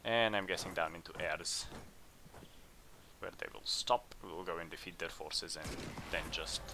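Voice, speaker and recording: A man hosting a let's play, chatting casually and thinking aloud as he plays, with bursts of excitement in tense moments. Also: sits low, moderate pace, noisy background. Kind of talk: casual game commentary.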